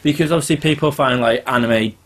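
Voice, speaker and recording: A young man co-hosting a casual podcast, animated and quick to laugh, acting out his own reactions as he tells stories. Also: medium pitch, slight background noise. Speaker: podcast co-host. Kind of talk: casual chat.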